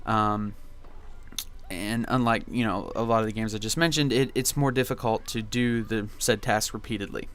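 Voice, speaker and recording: Laid-back, nostalgic man with a clear, lowish voice. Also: fairly even intonation, normal speed, fairly bright tone. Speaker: video game commentary host. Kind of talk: casual reminiscing gameplay commentary.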